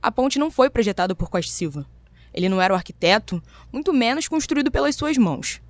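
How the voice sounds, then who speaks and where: A woman's voice: fairly high pitch, animated, fast, dry recording. A Brazilian woman giving earnest scripted narration for a podcast.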